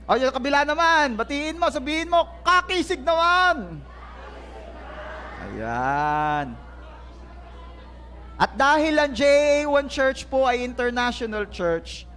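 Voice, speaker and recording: A man's voice: very high-pitched, sing-song, unhurried, fairly bright tone. A man preaching a sermon in a church, joking with the congregation in a playful way. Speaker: pastor. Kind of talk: lively sermon. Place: church hall. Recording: church service with faint crowd. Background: congregation laughing and responding.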